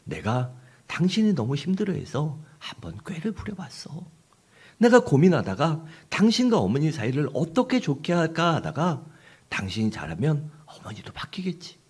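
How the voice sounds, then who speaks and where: A husky-voiced man voicing a clever husband who speaks in an old-fashioned formal way. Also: on the high side, a little mellow, voice pushed up. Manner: old-fashioned formal speech, first scolding then reassuring. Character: wise, scheming husband, gentle but firm.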